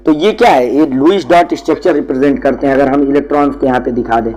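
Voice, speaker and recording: A man's voice: mid-range voice, quick pace, a little mellow, rough recording. A man, teaching a chemistry lesson and patiently explaining to students, whom he calls beta. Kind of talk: classroom syllabus lesson.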